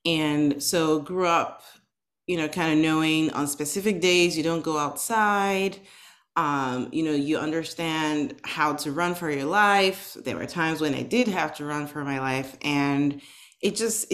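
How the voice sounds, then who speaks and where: A woman's voice: low-pitched, a little slow, fairly bright tone. A woman in her thirties from Nigeria, a tech founder chatting easily as an interview guest, with lots of fillers and restarts. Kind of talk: casual interview chat.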